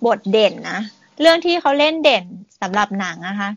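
A woman's voice: mid-range voice, animated, a little fast, no room sound, lo-fi sound. A woman in her twenties, a guest chatting casually as an enthusiastic, talkative fan. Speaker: podcast guest, fan page admin. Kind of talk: casual chat.

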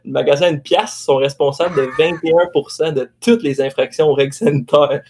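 A young man with a Québécois accent hosts a casual podcast chat. His voice sits a little higher than most men's, and he tells stories in an easygoing way, laughing often. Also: brisk, a little hiss or hum. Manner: laughs often, relaxed storytelling. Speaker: podcast host.

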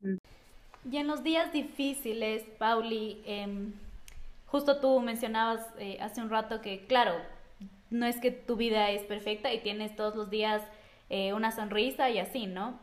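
Woman host on a podcast, curious and friendly, thinks out loud with lots of ums. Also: fairly high pitch, steady tone, unhurried. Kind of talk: casual interview questions.

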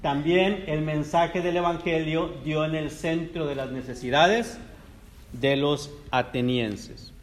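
A man's voice: a little high, steady tone, slow, slight background noise. A man preaching a sermon in a conversational way, joking with the congregation. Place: church service.

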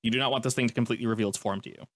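A man runs a tabletop roleplaying game, narrating scenes at a brisk clip. His delivery is conversational and descriptive, and he explains as he goes. The sound is dry and close, with little room to it. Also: mid-range voice, steady tone, dry recording. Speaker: game master.

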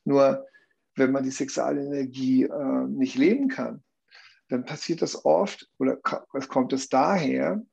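A man's voice: medium pitch, steady tone, measured pace, creaky, darkish tone, husky, muffled recording. A man explaining a view earnestly in conversation, often checking in with tag questions.

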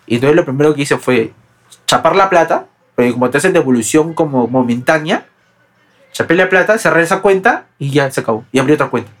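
A young man in his twenties with a Peruvian accent, telling a personal story in casual podcast chat, animated and full of restarts. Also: on the high side. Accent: Peruvian Spanish. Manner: fast, animated anecdote-telling with many restarts. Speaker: podcast co-host.

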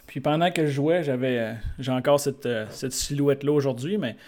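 A man's voice: mid-range voice, moderate pace. A man with a Québécois accent, a sports coach telling anecdotes in a conversation and acting out the people in them. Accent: Québécois French. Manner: lively storyteller who acts out the people in his stories. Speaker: sports coach and guest speaker.

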